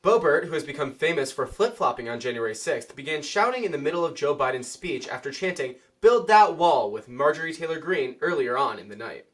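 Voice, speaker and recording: A man's voice: a little high, animated, quick pace, hardly any pauses, fairly bright tone. Earnest young male anchor. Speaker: lead news anchor. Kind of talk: scripted news reading.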